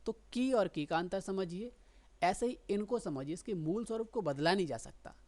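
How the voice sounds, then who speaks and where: A woman's voice: medium pitch, expressive, moderate pace, a little mellow. A woman teaching shorthand, explaining patiently and often checking that listeners follow. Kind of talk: explanatory lesson.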